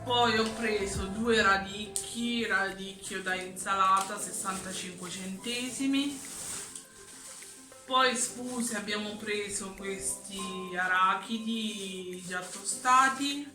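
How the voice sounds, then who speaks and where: A woman's voice: mid-range voice, steady tone, slow pace, pushed and bright. A woman still getting over the flu, casually presenting a grocery haul item by item. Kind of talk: casual item-by-item shopping narration. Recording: roomy echo, distant mic, music behind. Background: music.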